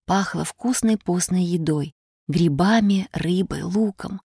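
A woman reading a humorous story aloud, playful and expressive. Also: lowish voice, slow, vocal fry, husky, dry recording, studio quality.

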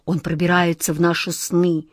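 A woman voicing an older aunt figure who sighs and speaks slowly in a hushed, fearful way. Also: on the low side, flat delivery, no room sound, clean studio sound, close to an everyday voice. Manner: sighing, hushed, slow. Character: old aunt, sighing and fearful.

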